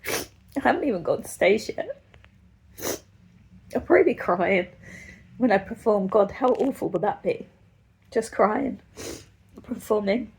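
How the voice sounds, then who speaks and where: A woman vlogger recording a tearful, halting video diary at home on her phone, her voice trailing off into soft whispers. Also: mid-range voice, expressive, slightly rough. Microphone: phone camera.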